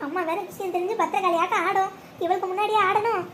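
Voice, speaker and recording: A frantic young wife, squeaky and quick. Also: female voice, fairly even intonation, fairly bright tone, slight background noise. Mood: panicked. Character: fretful young married woman, sharp-tongued, scheming. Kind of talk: animated cartoon voice acting.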